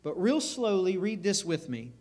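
A man's voice: high voice, big pitch swings, normal speed, darkish tone. A man preaching a sermon as pastor, earnest and emphatic, circling back over phrases. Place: church sanctuary. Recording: reverberant church sanctuary.

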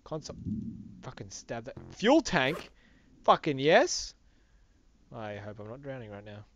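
A young man giving excitable, swear-filled commentary on his own gameplay, talking to himself as he plays. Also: medium pitch, unhurried, a little hiss or hum. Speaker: gaming channel host.

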